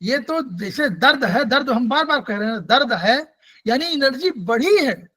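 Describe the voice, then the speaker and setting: A man's voice: extremely high pitch, animated, normal speed, pushed and bright. A man teaching an acupressure class, explaining patiently and quizzing his students as he goes. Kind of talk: online class lecture.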